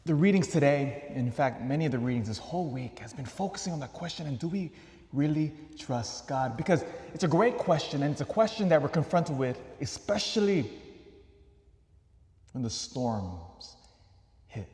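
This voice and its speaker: Priest preaching in an echoey church. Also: male voice, fairly high pitch, lively intonation, normal speed. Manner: questioning, emphatic, shifts between loud and soft. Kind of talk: homily.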